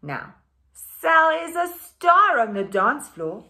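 Speaking slowly in a high voice, a middle-aged woman teacher performs a children's story for her class from a home living room. Her reading is exaggerated and full of expression, and she breaks off to ask the young listeners questions.

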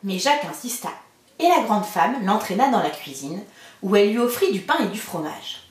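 A woman teacher reading a storybook aloud to children with lively, expressive narration. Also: medium pitch, normal speed. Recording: roomy, mic far off.

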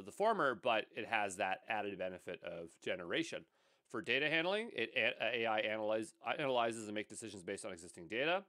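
A man teaching a technical course in a relaxed, conversational way, with a mid-range voice. He talks over slides, often adds filler words, and drops in quick asides. The sound is close and dry, with no room around it. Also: mid-range voice, smooth, dry recording. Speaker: course instructor. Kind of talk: casual lecture over slides.

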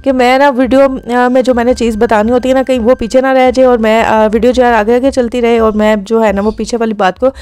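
A woman's voice: fairly high pitch, fairly even intonation, darkish tone, smooth, no room sound. A young woman, a vlogger narrating her day in a casual, chatty voice-over full of filler phrases. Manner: chatty, many filler phrases, talks fast.

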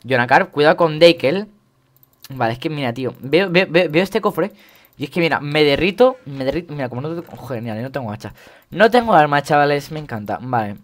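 A young man from Spain with a Spain Spanish accent, jokey and excitable, commentating his gameplay and repeating words in quick bursts. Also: a little high. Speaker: gaming YouTuber.

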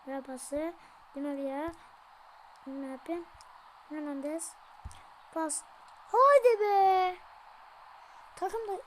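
A woman hosting a gaming channel, giving casual commentary over a football video game. She is excitable, yells at the plays and jokes with viewers. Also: high voice, slight background noise.

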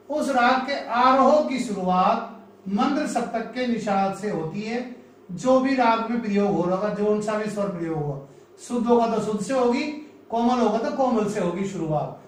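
High-voiced teacher in an echoey room. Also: male voice. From North India. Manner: explains slowly, sings scale notes in between. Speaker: music teacher. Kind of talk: classroom lesson with sung notes. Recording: echoey room, mic far off.

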